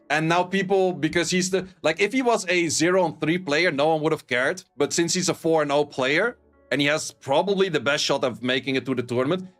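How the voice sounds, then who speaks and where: Here a Dutch-accented man from the Netherlands, a streamer and esports caster, reads viewer messages during casual live-stream chat. He's blunt and sweary and laughs a lot, and his voice is a little high and a bit bright.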